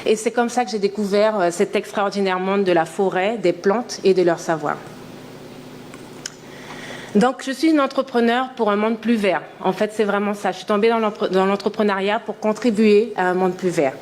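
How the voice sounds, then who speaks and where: A woman's voice: medium pitch, moderate pace, darkish tone, slight background noise. A woman in her thirties from French Guiana, an entrepreneur giving a conference talk, speaking earnestly and with enthusiasm, with frequent hesitations. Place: conference hall.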